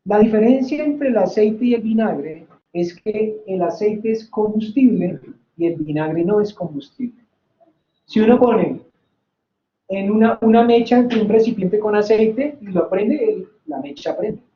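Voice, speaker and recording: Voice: mid-range voice, measured pace, a little hiss or hum. Storytelling Bible-study teacher in an echoey room. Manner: lively, asks "¿sí?" to check the class, tells stories. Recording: roomy, slightly dull recording.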